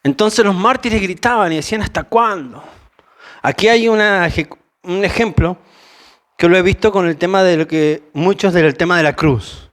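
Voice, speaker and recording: A man's voice: sits high, moderate pace, a bit bright. A man with a Rioplatense Spanish accent preaching a conversational sermon, mixing Bible reading with informal asides.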